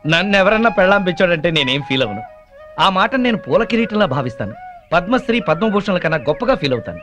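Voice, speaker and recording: A wife-adoring husband, speechifying, high pitched, film music bed. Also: male voice, very animated, fast, fairly bright tone. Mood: proud. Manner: grand, speechifying praise of his wife. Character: doting husband proud of adoring his wife. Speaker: husband character in a comedy scene. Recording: film audio with music behind.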